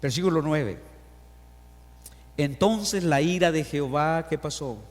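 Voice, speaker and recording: A middle-aged male pastor delivers a lively sermon with a fairly high voice. He acts out scripture and asks his congregation questions. His voice rings with the long reverb of a church hall. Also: a little slow. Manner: animated, acts out Bible quotes and stories, asks the congregation questions. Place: church sanctuary.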